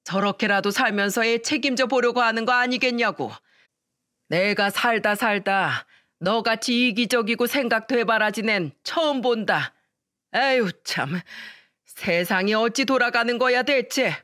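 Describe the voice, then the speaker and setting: A woman voicing an elderly father-in-law who shouts rebukes at his daughter-in-law in a story radio reading. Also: a little high, unhurried, no echo, studio quality. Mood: furious scolding. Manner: shouting rebukes, raised and strained. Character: stern elderly father-in-law, furious scolding man.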